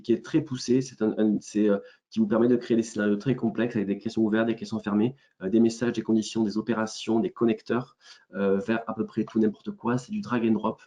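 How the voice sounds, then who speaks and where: Hesitant southern French man demoing software. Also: lowish voice, lo-fi sound. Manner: hesitant, many fillers and restarts. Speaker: software presenter. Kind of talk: webinar product demo.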